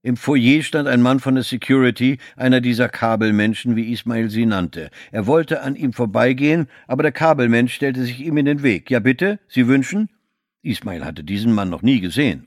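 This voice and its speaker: A man reading a novel aloud as scripted audiobook narration, giving the characters' lines small shifts in pitch. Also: animated, normal speed, few pauses, no room sound, clean studio sound.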